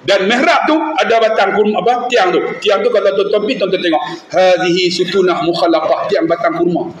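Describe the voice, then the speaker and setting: A man's voice: high voice, brisk. A male preacher, giving a mosque lecture full of stories and acted-out voices. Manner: animated storyteller who acts out voices. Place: mosque hall. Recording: echoey mosque hall with faint hum.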